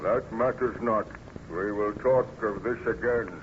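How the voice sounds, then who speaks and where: A man's voice: on the low side, unhurried, lightly acted. A man playing a lonely, bitter, menacing monster in an old-time radio horror drama, with solemn, declamatory delivery. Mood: pleading. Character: lonely, bitter, menacing male monster who learned to speak. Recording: muffled, noisy vintage radio recording.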